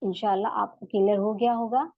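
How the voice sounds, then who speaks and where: A woman's voice: mid-range voice, steady tone, a little fast, dry recording, highs cut off. A woman teaching tajweed in an online lesson, patiently stretching out sounds to demonstrate them. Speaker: Quran recitation teacher.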